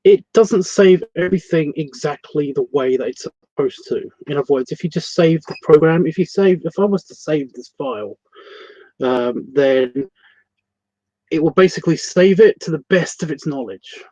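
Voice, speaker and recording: A man's voice: on the high side, moderate pace, mellow, no echo. A man with a Scottish accent hosting a casual livestream art tutorial from his computer, rambling, correcting himself and swearing casually. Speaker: art class host. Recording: dry, slightly muffled lo-fi sound.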